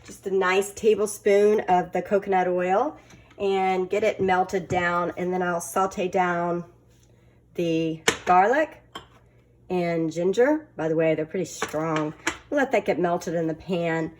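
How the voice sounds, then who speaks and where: A woman hosting a casual cooking demonstration, talking in a halting way with many fillers and playful, flirty asides. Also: fairly low pitch, steady tone, background noise. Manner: halting, filler-heavy delivery. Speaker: cooking video host.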